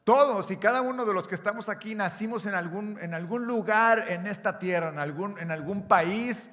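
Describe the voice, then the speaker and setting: Mexican pastor, man, bright forceful tone, slightly high, lively crowd-engaging sermon in a reverberant hall. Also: normal speed. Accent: Mexican Spanish. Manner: engaging, asks the crowd questions, repeats words. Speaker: pastor, conference speaker. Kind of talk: live sermon to a youth audience. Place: church or event hall.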